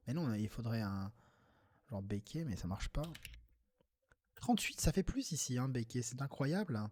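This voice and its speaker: A man playing Scrabble talks himself through each move, mostly in a low, half-muttered voice as he tries out letter combinations. Now and then he bursts into loud, delighted exclamations before settling back into his steady mid-pitched murmur. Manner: mutters word tries half to himself, with sudden excited outbursts. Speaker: Scrabble player commenting on his game. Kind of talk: thinking aloud while playing.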